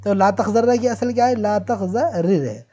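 Male online tutor, mellow and warm in tone, patient and methodical, pausing to check students are following. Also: sits high, slightly rough, dull audio. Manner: patient explaining, checks in with "theek hai". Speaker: Arabic grammar teacher. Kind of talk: recorded online lesson.

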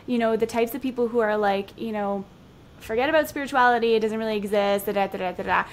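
A young woman hosts a podcast interview over a video call from an indoor room, using a headset. Her voice is fairly high and quick, and she sounds enthusiastic and affirming, chatting casually with plenty of "you know."

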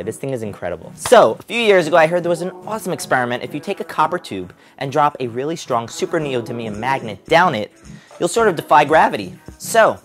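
A man hosting a science vlog, demonstrating a toy with excited, emphatic exclamations. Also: mid-range voice. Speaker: host. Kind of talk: enthusiastic product demo vlog.

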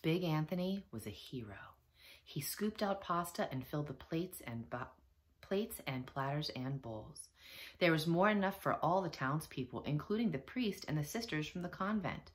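A teacher reading a children's picture book aloud, with expressive storytelling. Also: female voice, low voice, normal speed. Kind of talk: children's read-aloud narration.

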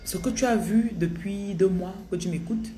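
A woman talking casually on a phone live stream as a spiritual coach, in a relaxed, rambling way with many fillers. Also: mid-range voice, normal speed. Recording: echoey room, faint noise.

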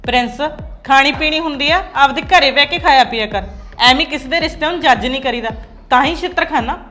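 A woman playing a sharp-tongued landlady in a family drama, brisk and scolding. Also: high voice, faint music behind.

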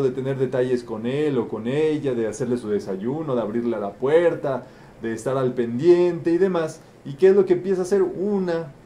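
A man's voice: mid-range voice, mellow, a little hiss or hum. A man facilitating a group teaching session, asking the participants questions and repeating their answers back with a frequent "¿verdad?". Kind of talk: interactive group teaching talk.

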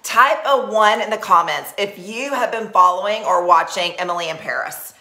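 At normal speed, a woman with a mid-range, sharp-toned voice and a Texas accent speaks in an echoey room, and the audio quality is poor. A bubbly, chatty Texan who talks with her hands, she hosts a live-streamed sales party. She records from a small decorated home office using her desk webcam.

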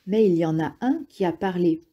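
A woman's voice: lowish voice, lively intonation, fairly quick, warm tone, muffled recording. A woman reading a jittery, defensive male rentier. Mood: defensive, agitated. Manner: agitated, blustering, sometimes pleading. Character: nervous middle-aged male rentier, defensive.

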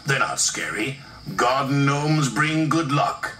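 A man voicing a stern railway boss in a storybook reading, brisk and dismissive. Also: mid-range voice, sing-song, sharp tone, slight background noise, exaggerated voice. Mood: firm. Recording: roomy echo with music behind.

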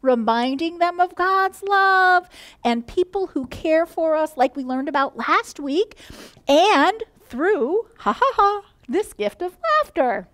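Upbeat high-voiced woman leading a children's message. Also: expressive, takes it slowly, fairly bright tone. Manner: upbeat, enthusiastic explainer.

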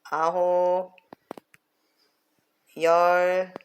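Female fitness coach, lowish voice, very slow deliberate rep counts, clipped strict corrections. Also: monotone, low-quality recording. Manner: clipped, strict, repetitive commands. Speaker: exercise coach. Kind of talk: counting reps and giving short corrective cues.

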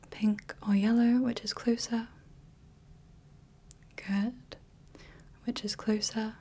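With a fairly high pitch, this woman whispers her way through an ASMR role-play as a gentle clinician testing the viewer's eyes with lights. Unhurried, breathy, and husky yet mellow, she offers soft reassurance and checks in often along the way.

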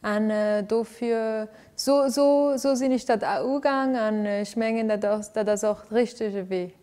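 A Venezuelan woman who works as an arts director answers interview questions in a living room lit for filming. Her voice is fairly high and warm, her pace unhurried, and her answers are full of fillers and restarts.

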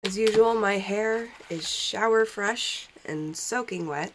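In a low-quality recording with slight hiss or hum, a young woman with a stuffy nose from a cold chats casually while playing a game and reading its text. The gaming channel host speaks slowly at medium pitch from a cold basement in front of a green screen, on a desk mic with headphones on.

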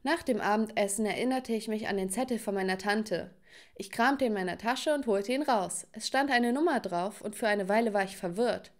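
A woman narrating a first-person story for an animated storytime video and addressing the viewers. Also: mid-range voice, moderate pace.

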